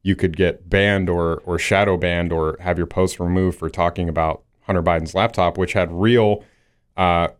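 A man's voice: deep voice, fairly even intonation, clean tone. A man co-hosting a podcast who chats casually about politics and agrees readily. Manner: agreeable, quick backchannels. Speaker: podcast co-host.

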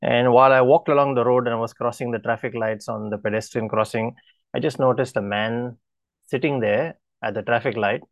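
A man preaching, telling a personal testimony in an earnest, halting way with frequent restarts. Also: medium pitch, fairly even intonation, no room sound.

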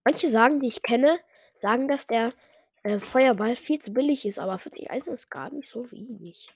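A woman's voice: on the high side, moderate pace, slightly rough, no echo. A woman giving casual, self-mocking commentary while playing a game, muttering some lines under her breath. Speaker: gamer.

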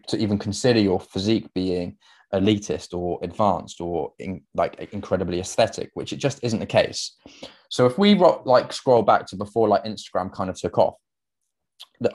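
A man's voice: lowish voice, darkish tone. A young man, a fitness coach, talking through his solo podcast in an earnest, conversational way, full of fillers and restarts.

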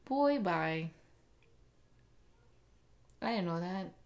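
A woman's voice: on the low side, animated, drawn-out words, gravelly, a little mellow. A woman co-hosting a casual chat podcast, answering with playful, sassy quips. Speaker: podcast co-host.

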